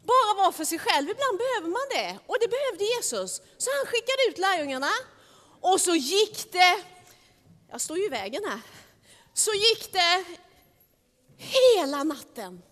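A woman telling a Bible story to children in a lively way, talking directly to her listeners, in a large hall. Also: extremely high pitch.

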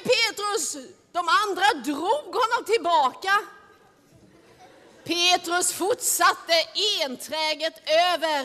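A woman telling a Bible story to children in a lively way, talking directly to her listeners, in a large hall. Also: very high-pitched.

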